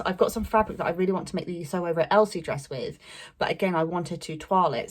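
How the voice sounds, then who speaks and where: A young woman chatting casually about fabric she bought, rambling with lots of fillers and little laughs. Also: fairly low pitch. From England. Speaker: sewing vlogger. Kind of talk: casual fabric haul chat.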